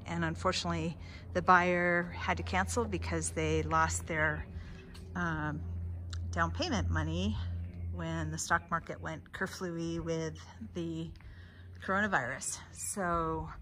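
A middle-aged woman with a bright, forceful tone and a slightly low voice leads a casual walkthrough of a house. She chats with enthusiasm as she films on her phone, with faint noise behind her. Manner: chatty and enthusiastic, talking to clients. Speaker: real estate agent. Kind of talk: casual home walkthrough tour. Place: empty house, then outdoors in a yard and driveway. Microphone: phone camera held while walking.

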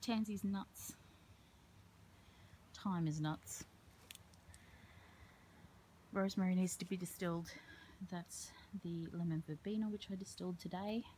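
A woman strolls through her outdoor garden, naming plants in a slow, rambling way full of ums. Her voice sits a little low, and it is picked up on a handheld phone with a faint outdoor hush behind her. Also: slight background noise, low-quality recording. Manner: unhurried, rambling, frequent ums. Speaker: herbalist showing her garden. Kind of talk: casual garden tour.

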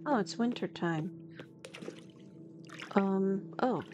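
Nervous, slow-talking woman horror game streamer. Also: mid-range voice, highs cut off, over music. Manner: nervous, jumpy, thinking aloud in short bursts. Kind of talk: casual horror game commentary. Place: small home room, indoors. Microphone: desk microphone on a boom arm near the face. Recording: clearly noisy room microphone with background noise.

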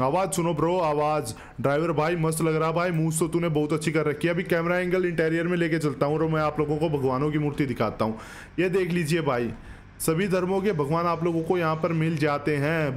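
This gaming video host has a slightly high voice, with a bit of background noise in the clip. Joking and chatty, he calls his viewers "bro" while riffing through casual gameplay commentary. He speaks up close to a desk mic, also wearing a headset, in a small indoor studio.

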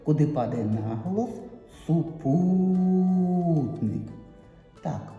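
A woman preschool teacher leading a children's syllable lesson, speaking slowly in an encouraging, sing-song way. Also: medium pitch, big pitch swings, lo-fi sound. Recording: echoey hall, distant mic, soft music.

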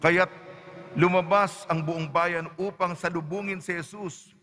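Priest preaching in an echoing church. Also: male voice, high voice, fairly even intonation, unhurried, bright, forceful tone, slight background noise. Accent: Filipino. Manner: solemn, emphatic preaching. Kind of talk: gospel reading and homily. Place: large church. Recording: echoey church with long reverb.

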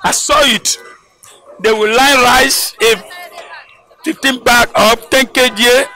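A man's voice: very high-pitched, steady tone, slow pace, soft background music. A middle-aged Nigerian man giving an impassioned street interview, gesturing and raising his voice outdoors on a busy road. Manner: heated, gesturing, rising to shouts. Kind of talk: vox pop street interview. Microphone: handheld mic held by interviewer.

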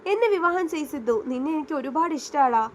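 A woman's voice: high voice, lively intonation, brisk, slight background noise. Woman reading as a coaxing young bride. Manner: coaxing, pleading. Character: clingy young bride, Divya.

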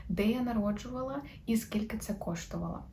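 A young woman from Ukraine tells her story in a casual, open vlog. Her voice is mellow and warm rather than bright. A faint hiss sits under the recording. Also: a little high, gravelly. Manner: chatty and open, quick soft laughs. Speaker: vlogger, new mother.

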